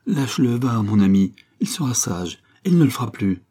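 A man's voice: medium pitch, sing-song, moderate pace, mellow, breathy edge. A man voicing a resigned, timid mother who coaxes her husband. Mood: pleading.

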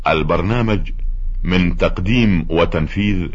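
Very deep-voiced man announcing in formal Arabic. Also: unhurried, husky. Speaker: radio programme announcer. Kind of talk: scripted radio programme introduction in formal Standard Arabic. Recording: muffled, dull old radio recording.

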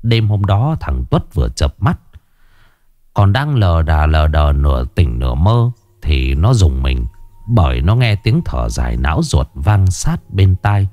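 A man narrating a ghost story in an animated, colloquial storytelling manner. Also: very deep voice, a little slow, no echo, clean studio sound.

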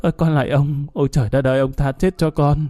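A man's voice: steady tone, fast talker, mellow, no echo, soft background music, close to an everyday voice. A man voicing a terrified young man held at knifepoint who wails and begs for his life. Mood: wailing, pleading. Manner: shrill pleading wails.

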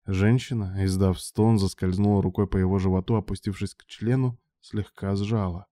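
Low mellow male audiobook narrator. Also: fairly even intonation, normal speed, no echo, studio quality. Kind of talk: scripted narration.

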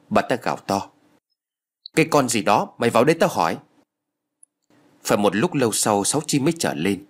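A man narrating a dramatic story aloud, expressive and voicing every character. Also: on the low side, husky.

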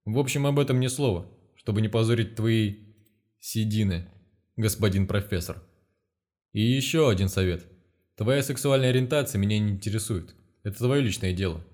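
In an audiobook, a man narrating the book voices a stern, commanding male investigator in a lowish, darkish, lightly acted voice. The character speaks bluntly and with open contempt, staying close to the narrator's own voice.

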